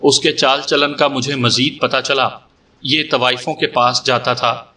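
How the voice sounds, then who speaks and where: A defiant young woman speaks her mind at a police station, as a male reader voices her. She sounds bright and crisp, a little distant from the microphone, in an audiobook story reading. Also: medium pitch, steady tone, lightly acted. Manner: frank and defiant. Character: young woman giving a police statement, bold.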